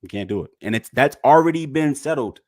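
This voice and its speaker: A man's voice: medium pitch, a little fast. Emphatic, hyped-up male podcast co-host. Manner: emphatic, repeats points, profane, gets loud and animated. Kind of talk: casual chat.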